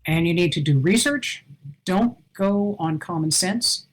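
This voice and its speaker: A woman's voice: fairly low pitch, animated, a little slow, low-quality recording. An older woman giving an online conference talk, earnest and advising, with self-deprecating asides, heard over a video call. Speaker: conference presenter.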